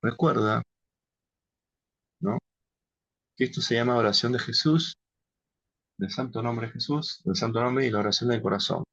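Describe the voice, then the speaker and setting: A man teaching contemplative prayer in an unhurried, halting way, often adding a questioning tag. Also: mid-range voice, creaky, fairly bright tone, breathy edge, no room sound. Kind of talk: instructional talk on contemplative prayer. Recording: dull lo-fi sound.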